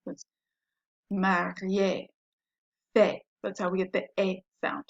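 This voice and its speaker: A woman's voice: fairly low pitch, quick pace, creaky, highs cut off. A woman teacher giving a patient, step-by-step lesson, spelling words out letter by letter. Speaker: French teacher. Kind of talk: classroom-style lesson.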